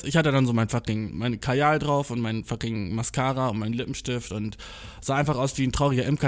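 A young man telling a story in a casual monologue, slangy and swearing a lot, mixing in English words, self-mocking and excitable, stumbling over his words. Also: medium pitch.

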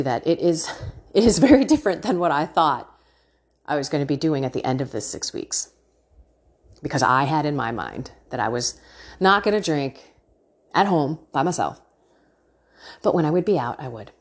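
A woman with a low, husky voice talks straight to her podcast listeners about faith. She is earnest and animated, and laughter often breaks into her speech. The tone is personal and conversational. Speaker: podcast host.

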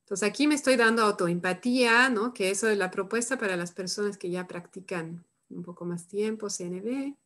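A woman leading a live workshop, who talks calmly and reflectively and tags her phrases with "¿no?". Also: medium pitch, fairly quick, few pauses. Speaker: workshop facilitator. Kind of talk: live online workshop demonstration.

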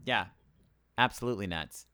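A man co-hosting a podcast in casual chat, enthusiastic and quick to laugh. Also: fairly low pitch, pushed and bright, clear, resonant tone, no echo, clean studio sound. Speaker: podcast co-host.

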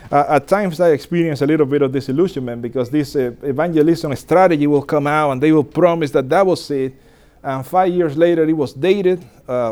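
Dominican guy in his 40s talking to pastors, kinda high, mellow, restarts a lot and chuckles. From Dominican Republic. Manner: warm, self-deprecating, laughs often, frequent restarts. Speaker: pastor speaking to church leaders. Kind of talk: informal conference talk.

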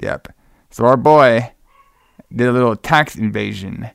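A man's voice: medium pitch, a little slow, creaky, fairly bright tone, clear, resonant tone, no echo, studio quality. A man hosting a casual film review chat, telling things in a loose, jokey way. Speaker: podcast host.

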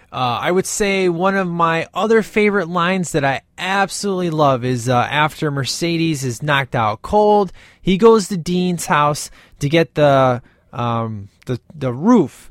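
Chatty man with a higher voice. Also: no echo, clean studio sound. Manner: rambling, enthusiastic, talks straight to listeners. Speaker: podcast host reviewing a movie. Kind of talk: casual chatty monologue.

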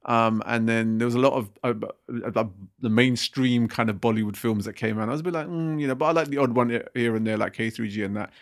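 A man's voice: mid-range voice, quick pace, hardly any pauses. A man co-hosting a podcast, rambling in casual chat with lots of fillers and laughs. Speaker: podcast co-host.

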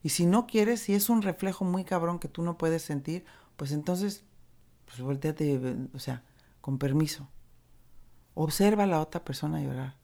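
A woman with a Mexican accent giving a reflective motivational talk on recovery, candid and earthy, mixing gentle encouragement with casual swearing. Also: low-pitched, unhurried, creaky. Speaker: recovery speaker.

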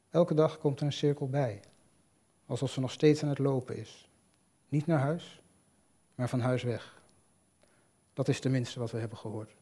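A man calmly reading a literary short story aloud in a measured, storytelling way. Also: mid-range voice, slightly rough. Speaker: reader. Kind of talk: scripted narration of a short story.

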